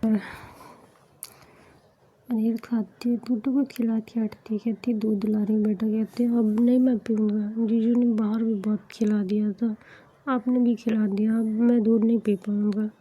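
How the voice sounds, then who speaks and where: A woman narrating a romantic story in a soft, whispered role-play, voicing every character herself. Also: fairly high pitch, little pitch movement, a little slow, breathy edge, rough recording.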